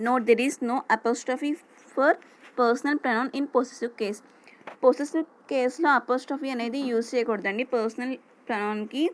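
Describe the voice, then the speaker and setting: A woman with a Telugu accent teaching English grammar, reading English definitions slowly and explaining them in Telugu. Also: a little high, fairly even intonation, a little hiss or hum, poor audio. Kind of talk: explanatory lesson over slides.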